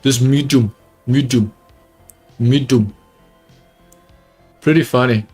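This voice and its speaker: A young livestream host gives casual live reactions while watching a motor race, speaking slowly and huskily in English that isn't his first language, with a nearly British accent. He gets excited, repeats his own phrases and calls viewers "dude," while faint music plays low behind him.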